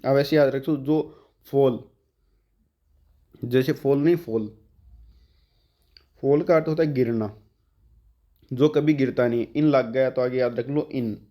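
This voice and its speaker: Male tutor, exam vocab lesson, slow drawn-out definitions, mid-pitched voice. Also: dark tone. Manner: explains words in Hindi with slow drawn-out English definitions. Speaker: English vocabulary teacher.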